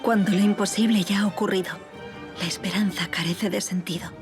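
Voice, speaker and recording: In an audio drama, an actress plays an anguished aristocrat of revolutionary France, recounting her own story in formal, literary language through monologue and dialogue. Her natural, medium-pitched voice is brisk and fairly even in intonation, somber and reflective, heard over music.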